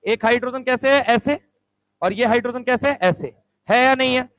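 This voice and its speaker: A male chemistry teacher lecturing a class, firing quick rhetorical questions and answering them himself. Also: very high-pitched, a bit bright, dry recording, rough recording. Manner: answers his own questions aloud.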